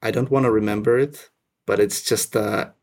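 Man, young, low pitch, creaky, casual, self-deprecating, restarts a lot. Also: steady tone, moderate pace, darkish tone. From Russia, raised in Finland. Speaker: podcast guest. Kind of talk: casual interview chat.

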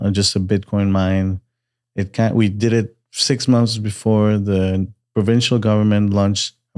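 Low-voiced male guest telling his story. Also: clear, resonant tone. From Peru, raised in Montreal. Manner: steady storytelling with frequent hesitations. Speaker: podcast guest, entrepreneur. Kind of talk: casual chat. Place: car.

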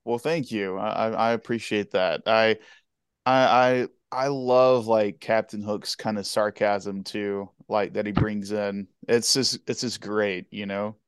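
A man in his twenties, guest in a casual interview, talking in an easygoing, halting way. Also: on the low side, fairly even intonation, clear, resonant tone, no room sound, studio quality. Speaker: guest Twitch streamer and cosplayer.

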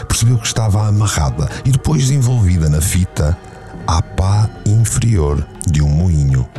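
A man narrating a novel as an audio drama, telling it in a measured, dramatic way. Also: sits low.

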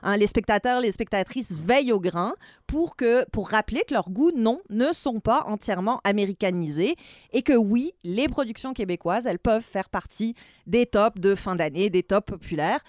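A woman's voice: mid-range voice, lively intonation, moderate pace, darkish tone, no room sound, studio quality. A woman, chatting as a culture columnist on a radio show, emphatic and laughing often. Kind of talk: casual radio chat.

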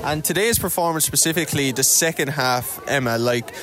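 Man, Irish accent, sports reporter, quick pace, post-match interviewing. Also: fairly high pitch, music in the background. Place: outdoors at a sports ground.

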